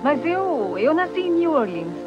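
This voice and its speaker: Candid young woman, lively pitch, soft film sound. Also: unhurried, muffled recording, over music. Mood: gentle. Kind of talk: Brazilian Portuguese film dubbing.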